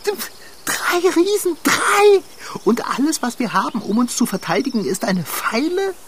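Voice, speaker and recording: A man's voice: very high voice, very animated, fairly quick, a little hiss or hum, full character voice. A man playing an easygoing, bewildered bike mechanic in a radio play. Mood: dismayed.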